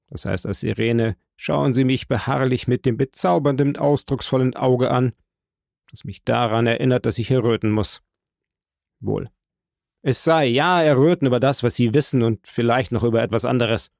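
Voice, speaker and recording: A man's voice: medium pitch, vocal fry, no echo, close to an everyday voice. A man playing a stern state prosecutor who argues with dry firmness and feverish rhetoric. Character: stern, bitter male state prosecutor, fervent.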